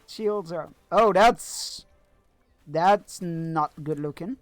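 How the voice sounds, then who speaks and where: A man's voice: fairly high pitch, unhurried, darkish tone, no echo, soft background music. A man streaming a fantasy game, chatting sarcastically, swearing, laughing and reading quest text aloud. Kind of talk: casual live-stream commentary.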